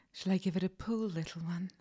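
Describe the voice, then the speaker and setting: Woman, ASMR roleplay; slow, low whisper, commanding yet tender, warm breathy tone.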